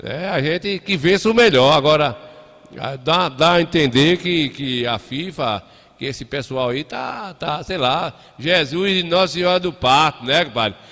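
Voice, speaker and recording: Folksy man, bright voice. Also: fairly high pitch, animated, unhurried. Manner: folksy, chatty, calls listeners compadre. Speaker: radio host. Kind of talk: casual live chat. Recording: echoey hall.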